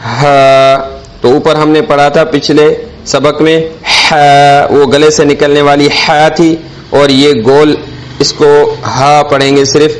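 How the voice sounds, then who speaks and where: Speaking in a slightly high, even voice, a man walks through a slow alphabet reading lesson, explaining the letters one by one and lengthening their sounds carefully. The recording is rough.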